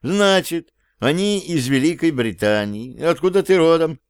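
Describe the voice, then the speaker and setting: Man reading as a stern, exasperated boss in an audiobook, slow and interrogating, in a smooth, clear voice. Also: fairly high pitch, expressive, no room sound, clean studio sound, voice pushed up. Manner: scolding, interrogating. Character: stern exasperated male chief.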